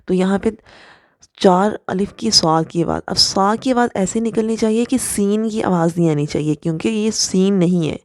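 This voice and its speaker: A woman's voice: on the low side, darkish tone, no echo, clean studio sound. A woman teaching Quran recitation rules step by step. She patiently explains and demonstrates each letter sound. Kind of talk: step-by-step tajweed lesson.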